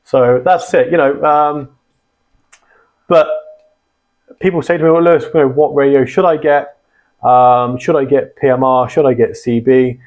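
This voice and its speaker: The host of a radio hobby channel talks to viewers in a casual, rambling explainer, repeating points for emphasis. His medium-pitched voice is a little mellow, with fairly even intonation, an unhurried pace and long pauses.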